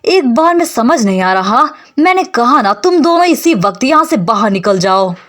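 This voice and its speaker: A woman's voice: a little high, big pitch swings, normal speed. A woman voicing an exasperated young noblewoman in a storybook-style recap, speaking sharply. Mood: angry. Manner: sharp, irritated.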